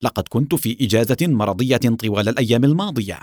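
A man's voice: mid-range voice, animated, quick pace, darkish tone, dry recording, studio quality, close to an everyday voice. Guy reading as an annoyed engineer, snappy and indignant, voice jumping up and down. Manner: curt and indignant. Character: impatient, irritable male engineer.

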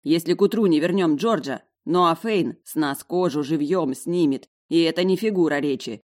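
A woman reading an audiobook in a low voice, voicing an irritable young man who snaps and speaks sarcastically. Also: animated, normal speed, fairly bright tone, no room sound, studio quality. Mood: irritated. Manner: snappish, sarcastic. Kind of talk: audiobook character voice.

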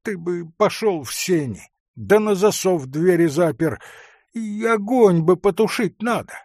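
A frightened, pious old forester , voiced by a man reading a story aloud, who complains and laments in a plaintive, sighing voice. He sounds a little husky and speaks slowly, and his pitch rises and falls a great deal. The recording is dry and close. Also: very animated, no echo, full character voice.

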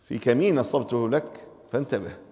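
A man's voice: medium pitch, fairly quick, dark tone, big-room sound. A man teaching a grammar lesson to a class, asking students questions and correcting them.

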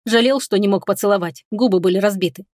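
A woman reading a fantasy novel aloud as audiobook narrator, in a measured, expressive manner. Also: mid-range voice, dry recording, clean studio sound.

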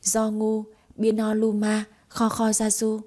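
A woman reading a story, voicing a sharp-tongued young wife who fakes exorcism chants in mock gibberish. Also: mid-range voice, completely flat delivery, takes it slowly, pitched above the performer's own voice. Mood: mock chanting. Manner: brash, mocking, gibberish chanting.

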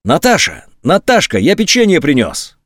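A man's voice: mid-range voice, very animated, normal speed, darkish tone, no echo, studio quality. A man voicing a frightened young teenage boy who pleads desperately. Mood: urgent. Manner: pleading, breathless with fear.

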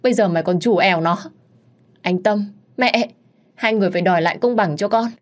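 A woman voicing a scheming pregnant young mistress who whines and snaps in a sharp tongue. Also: low voice, fairly even intonation, a little fast, husky. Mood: shrill.

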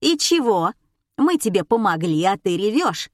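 A woman reading an audiobook, voicing a rough, aggressive teenage girl who snaps and shouts. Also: medium pitch, very animated, normal speed, dry recording, clean studio sound. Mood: shouting angry. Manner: shouting, snapping.

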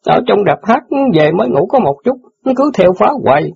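A brash, teasing street newspaper boy, acted by a man in an audiobook drama. He talks fast with a high, lively, husky and gravelly voice. The recording sounds dull and lo-fi. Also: full character voice.

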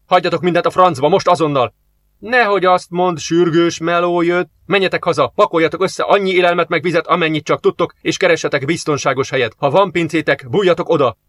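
A man voicing a gruff, foul-mouthed boss of a workshop in an audiobook, barking and swearing at his workers. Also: fairly high pitch, a bit bright, dry recording, voice pushed up, close to an everyday voice. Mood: frantic.

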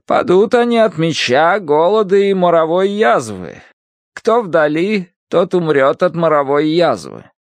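A man's voice: fairly high pitch, big pitch swings, dry recording, voice pushed up. A man voicing a stern, pious old woman. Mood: declaiming. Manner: slow, grave, declaiming. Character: stern pious older woman reading scripture.

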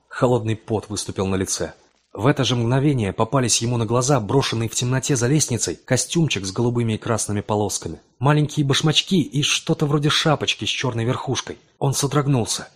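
Male narrator, husky timbre, measured dramatic horror reading. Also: medium pitch. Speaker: audiobook narrator.

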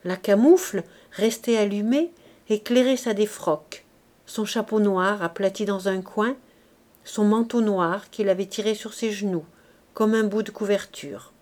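A woman narrating a classic novel as an audiobook reader, in a measured storytelling manner. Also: mid-range voice, darkish tone.

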